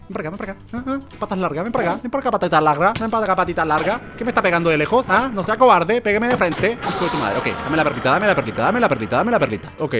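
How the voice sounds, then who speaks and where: A young man, commenting on his Minecraft play, muttering to the mobs and bursting out in excitement. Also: a little high. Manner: excitable, talks to mobs, swings between mutters and outbursts. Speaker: gaming YouTuber.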